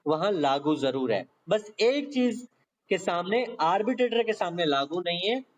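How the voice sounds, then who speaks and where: A high-pitched Pakistani man gives an expressive, unhurried law lecture in a conversational exam-prep style, explaining legal text step by step with repetition and frequent check-in tags. The lecture audio is dull and lo-fi, with slight background noise.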